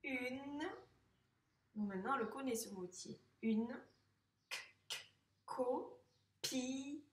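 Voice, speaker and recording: A woman teacher with a fairly high voice, talking very slowly and patiently as she sounds out syllables for a young child. Her tone is gentle and encouraging. The recording is roomy, with a clear echo from the space around her camera. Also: background noise. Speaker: first-grade teacher. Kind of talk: slow, patient reading lesson for young children. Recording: echoey room.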